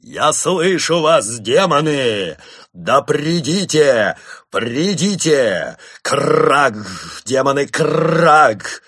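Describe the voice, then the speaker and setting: A man voicing a fanatical male beast cult brother who chants demon-summoning spells in a loud, drawn-out voice. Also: lively intonation, exaggerated voice. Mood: fervent chanting. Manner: booming slow chanting of spells.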